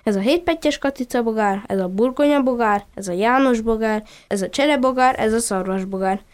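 A woman's voice: fairly high pitch, close to an everyday voice. A woman voicing a playful, cheeky little duckling who chatters eagerly and teases.

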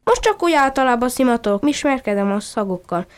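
A proud little puppy dog with a keen nose, talking earnestly and patiently, as a woman storyteller puts him on. The voice sits fairly high and sounds smooth and clear. It is a storybook reading. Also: expressive, natural voice.

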